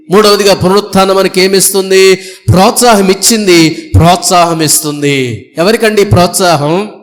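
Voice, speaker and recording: Casting male pastor, high voice, fervent Easter sermon, drills rhetorical questions at the congregation. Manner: emphatic, rhetorical questions and repeated lists. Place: church before a congregation.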